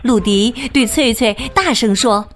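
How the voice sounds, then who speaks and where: A woman reading a children's picture book aloud as a storyteller, slow and expressive. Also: on the high side, soft background music. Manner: slow, expressive, sing-song.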